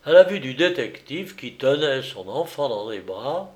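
A man narrating an audiobook of an old detective novel in a slow, deliberate reading voice. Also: medium pitch, very animated.

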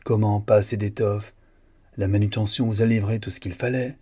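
A man voicing a fussy, sugary old English forewoman in a dressmaking workshop, his husky voice lifted higher for her. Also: level tone, moderate pace, dark tone. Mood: fussy coaxing. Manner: sugary, coaxing, then fussy.

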